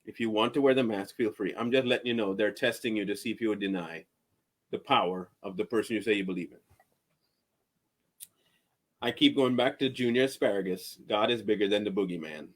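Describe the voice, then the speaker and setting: A man hosting a casual chat, telling lively stories and laughing often. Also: lowish voice, a little fast. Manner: animated storyteller, laughs often. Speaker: podcast host.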